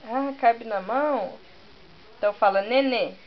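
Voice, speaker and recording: Slow, coaxing mother in baby talk. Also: a little high. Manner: coaxing, sing-song baby talk to a toddler. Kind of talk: home video baby talk. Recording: dull lo-fi home recording with hiss.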